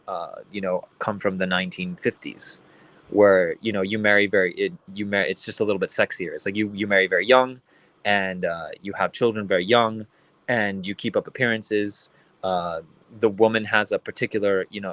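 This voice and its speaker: A man's voice: lowish voice, steady tone, brisk, fairly bright tone, no room sound. A young man from Venezuela, an artist talking about his work in a casual interview, rambling with many restarts and fillers. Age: young adult. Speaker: artist guest.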